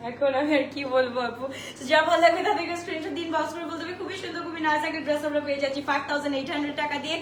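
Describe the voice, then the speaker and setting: Chatty high-voiced woman selling clothes live. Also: fairly even intonation, very fast. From Bangladesh. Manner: chatty, mixes English into Bengali, repeats sizes in a sing-song list. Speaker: online clothing seller. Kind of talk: live-stream sales pitch. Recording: echoey room with faint noise.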